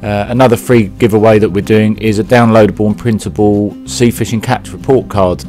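A man's voice: lowish voice, steady tone, a little fast. A man giving an easygoing, chatty voice-over outro for his fishing channel, with a few fillers. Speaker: channel host. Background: soft guitar music.

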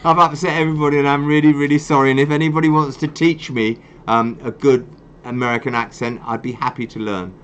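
A man's voice: mid-range voice, steady tone, fast, hardly any pauses, muffled recording, a little hiss or hum. A man hosting a live stream for a wildlife charity. He talks with passion and ranting zeal and pokes fun at himself. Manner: passionate, ranting, self-mocking.

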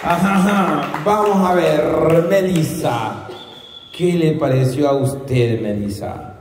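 A man's voice: a little high, takes it slowly, darkish tone, some chatter behind. A man with a Salvadoran Spanish accent hosts a singing contest in a joking, teasing way, often repeating his words. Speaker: host of a singing contest show. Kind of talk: joking lively hosting. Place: large open-air covered court. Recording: echoey covered court, noisy.

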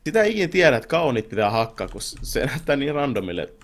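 A man playing a video game with a friend, reacting excitably in casual chat and tossing in English words. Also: mid-range voice. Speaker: gamer co-host. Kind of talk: casual let's-play chat.

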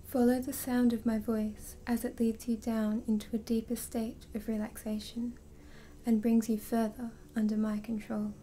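Woman hypnotist, slow dark mellow voice, flat and steady, bits whispered, faint hiss behind. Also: fairly high pitch. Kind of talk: hypnosis induction, ASMR-like.

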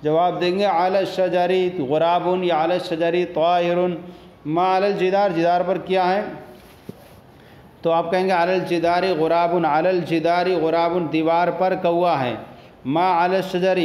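A man's voice: sits high, darkish tone, roomy sound. A man teaching an Arabic grammar lesson, repeating each phrase and translating it step by step. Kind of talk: classroom lesson explaining Arabic in Urdu.

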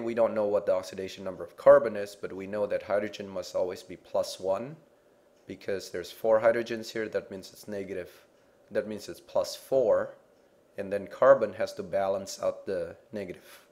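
A man with a fairly low voice walks through a chemistry lesson. He explains step by step, pausing to check in with "okay?", in a patient teacher's manner. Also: a little mellow. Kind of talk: explaining slides in a lecture.

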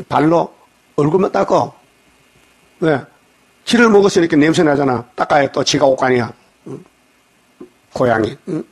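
Scolding preacher. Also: male voice, a little high, a little mellow. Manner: preaches verse by verse with frequent rhetorical "응?" checks; scolding, jokes at the congregation. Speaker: pastor. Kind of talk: dawn sermon. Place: church.

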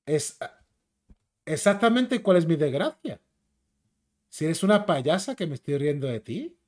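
A man with a Spain Spanish accent delivers a combative, mocking YouTube rant. His voice sits high and swings widely in pitch as he jeers. The tone stays insulting throughout. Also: expressive, a little slow, darkish tone. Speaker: YouTube commentator. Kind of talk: ranting commentary video.

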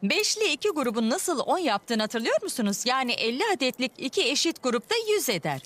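A woman dubbing a clever, brisk young girl agent in a kids' show. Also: high-pitched, sing-song, a bit bright. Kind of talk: dubbed kids' show acting. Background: music.

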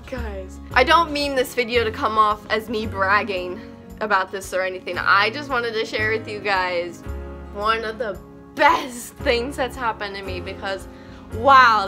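A young woman telling an excited story-time vlog as a small YouTuber, gushing and breathless with excitement. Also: high voice.

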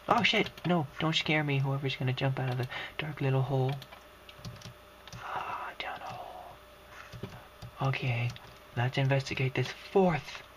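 A gaming video creator whispers her way through a let's-play commentary in a very deep, scratchy whisper. She breaks into frustrated outbursts and some mild cursing.

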